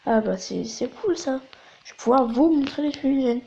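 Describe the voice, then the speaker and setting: Woman gaming host, casual gameplay commentary, slightly high voice, faint hiss behind. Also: expressive, moderate pace, gravelly, dark tone, highs cut off. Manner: chatty, explains things to viewers as she plays.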